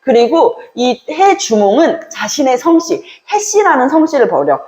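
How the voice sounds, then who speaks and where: A woman teaching a history lesson, telling the story with lively acted-out dialogue between characters. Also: sits high, measured pace. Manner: lively storytelling, acting out characters in quoted voices. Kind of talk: animated classroom lecture with acted-out dialogue. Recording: echoey room.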